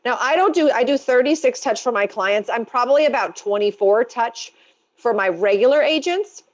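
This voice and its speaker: A woman's voice: a little high, expressive, normal speed. A woman co-hosting an online real estate training, coaching her audience in an upbeat, encouraging way. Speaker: real estate team leader and co-host. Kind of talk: coaching webinar. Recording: dull lo-fi video call.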